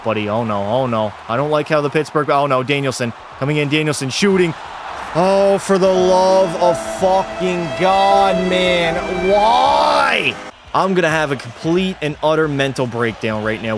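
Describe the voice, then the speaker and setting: A man's voice: on the high side, a little hiss or hum. Young man swearing through game commentary. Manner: swings from calm play-by-play to swearing outbursts. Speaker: gaming channel host. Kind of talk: gaming commentary with play-by-play.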